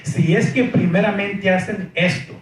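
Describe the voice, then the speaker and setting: A man's voice: high-pitched, steady tone, unhurried. A man preaching a sermon, emphatic, asking the congregation questions and often saying amén. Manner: emphatic, repeats amén, asks rhetorical questions. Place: church hall. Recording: very echoey hall, distant mic, faint noise.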